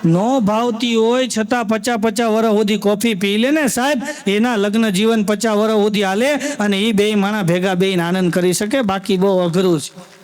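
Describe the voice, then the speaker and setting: A man performs live stand-up. His voice sits very high, and he tells homely stories, slipping into the voices of the old people in them. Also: fairly even intonation, moderate pace. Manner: folksy storyteller addressing the audience as sir, acting out old folks. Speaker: stand-up comedian.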